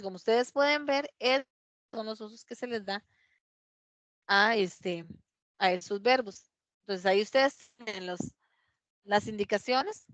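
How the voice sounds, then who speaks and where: A woman teaching an English class, patiently explaining grammar and repeating words slowly to model pronunciation, in dull lo-fi audio. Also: medium pitch, fairly bright tone, dry recording.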